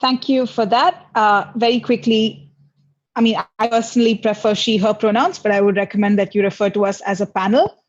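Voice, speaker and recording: A woman's voice: mid-range voice, steady tone, fairly quick. A woman chairing an online debate, giving polite, procedural instructions over a video call. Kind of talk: formal moderating. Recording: dull video call audio.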